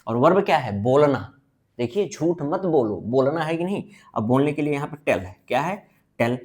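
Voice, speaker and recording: A man giving a blackboard grammar lesson, asking questions and answering them himself, and slowly stretching out his example sentences. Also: on the high side, expressive, a little mellow. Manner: drawn-out emphasis on example sentences. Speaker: English teacher.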